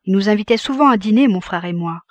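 A woman reading the part of a young male doctor who murmurs softly in an audiobook. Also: high voice, lively intonation, fast, no echo, highs cut off. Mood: wistful.

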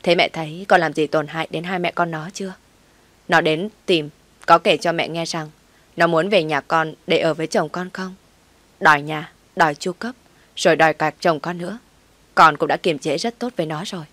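Coldly calm wronged wife , read by a woman, low voice, dry sound. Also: moderate pace, dry recording. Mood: cold, firm. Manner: calm and firm.

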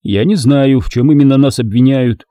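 A male narrator voicing a calm, measured older male Jedi master in an audiobook. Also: medium pitch, dry recording, close to an everyday voice. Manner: measured, firm.

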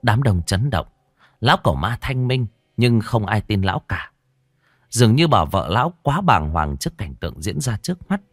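A man's voice: lowish voice, normal speed, dry recording. Man narrating a ghost story expressively. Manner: dramatic, expressive reading. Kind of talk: scripted horror story narration.

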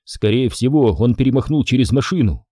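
A man reading an audiobook, voicing a calm, evasive young man who speaks slowly and hesitantly. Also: medium pitch, no echo, clean studio sound, close to an everyday voice. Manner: slow, hesitant.

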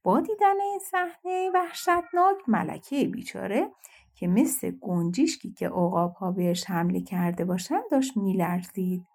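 Mellow-voiced woman reading a fairy tale. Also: mid-range voice, animated, creaky. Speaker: audiobook narrator. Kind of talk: storybook narration.

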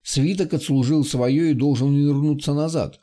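A man voicing a calm male mage who reassures and gives brief advice, in an audiobook. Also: a little high, normal speed, close to an everyday voice.

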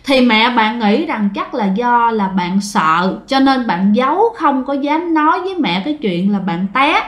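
A woman's voice: on the high side, animated, measured pace. A woman telling a ghost story, chatting directly to her listeners. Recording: roomy echo.

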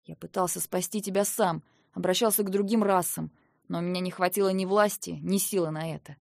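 A woman's voice: lowish voice, steady tone, fairly quick, gravelly, darkish tone, dry recording, studio quality. A woman reading the lines of a young prince who firmly reasons with and pleads with his sister in an audiobook. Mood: persuading. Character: young male prince, weary stern older brother.

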